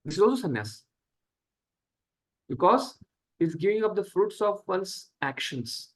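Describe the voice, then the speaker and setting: Slow Indian man, pausing often. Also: sits high, sing-song. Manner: slow, deliberate, halting with frequent pauses between short phrases. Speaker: spiritual teacher leading a scripture class. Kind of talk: scripture lecture over online class.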